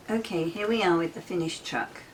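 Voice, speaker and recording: A woman hosting a casual crafting tutorial, soft-spoken and chatty with frequent ums, often dropping to a near whisper while she works. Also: on the low side, fairly quick, a little hiss or hum, low-quality recording.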